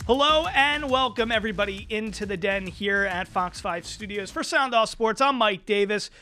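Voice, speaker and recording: A man's voice: high voice, moderate pace, pushed and bright, soft background music. A man hosting a sports talk show from a studio, speaking energetically and with emphasis.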